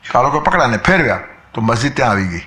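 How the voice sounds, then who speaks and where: A man delivers a spiritual discourse in a storytelling manner. He quotes old verses and sometimes acts out the voices of people in his anecdotes. His voice sits at a middle pitch and carries a roomy echo. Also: sing-song, very fast, pushed and bright. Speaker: spiritual speaker.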